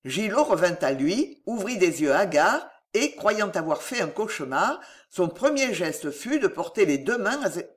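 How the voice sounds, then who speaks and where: A reader narrating a historical adventure novel as an audiobook, with dramatic, expressive storytelling. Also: mid-range voice.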